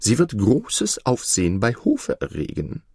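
A man's voice: mid-range voice, wildly swooping pitch, unhurried, warm tone, husky, no echo, studio quality, heavily acted. A man doing a pompous court steward. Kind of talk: storybook reading.

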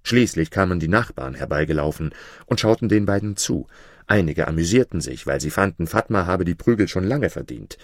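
A man reading a fairy tale aloud in an expressive storytelling style. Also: low voice, a little fast, no room sound, clean studio sound. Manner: expressive, varied intonation.

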